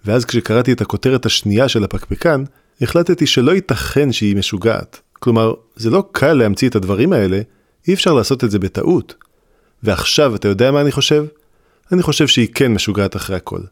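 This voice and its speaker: A man voicing a clever, sarcastic young boy wizard in an audiobook reading, with a dry, deliberate delivery. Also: mid-range voice, animated, dry recording, natural voice. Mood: sardonic. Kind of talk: audiobook character voice.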